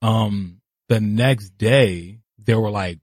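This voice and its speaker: A man in his thirties from New City, a guest artist telling his story, animated and acting out quoted voices. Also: fairly low pitch, slow pace, husky, no room sound. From New York City. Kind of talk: casual interview storytelling. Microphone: podcast studio mic.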